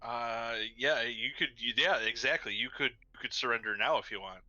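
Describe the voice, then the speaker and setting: A man's voice: mid-range voice, normal speed, bright, forceful tone, no echo. A man playing a tabletop game, joking and restarting his sentences. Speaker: player. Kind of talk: casual tabletop game chat. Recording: dull lo-fi mic.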